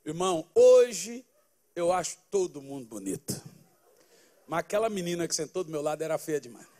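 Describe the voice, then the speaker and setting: A man, a pastor telling a funny testimony in a sermon, animated, with loud bursts of exclamation. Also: a little high, moderate pace. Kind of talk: humorous preaching testimony.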